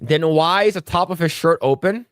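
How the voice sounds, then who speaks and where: A man's voice: fairly high pitch, moderate pace, dry recording, clean studio sound. A man hosting a casual solo livestream, swearing freely as he riffs on movies and answers his chat. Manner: animated, profane, riffing on movies and answering chat. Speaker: livestream host.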